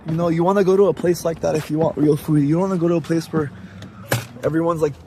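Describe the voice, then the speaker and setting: A man's voice: on the high side, steady tone, fast talker. A man live streaming in casual, slangy talk, addressing his viewers like buddies. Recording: noisy street and vehicle background.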